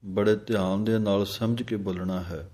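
A man teaching the correct pronunciation of sacred verses. He chants each line slowly, then explains it plainly. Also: fairly low pitch, fairly even intonation, warm tone. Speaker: scripture recitation teacher.

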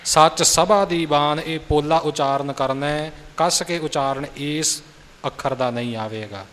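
A man preaching, slowly and deliberately explaining scripture and how to pronounce it. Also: medium pitch, steady tone. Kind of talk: sermon with pronunciation guidance. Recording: long hall reverb, faint hiss.

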